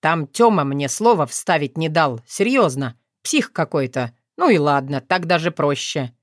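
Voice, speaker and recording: A woman's voice: low-pitched, lively intonation, unhurried, no room sound, clean studio sound. A woman reader voicing a moping young man who groans and whines. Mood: flat calm. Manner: whiny, groaning.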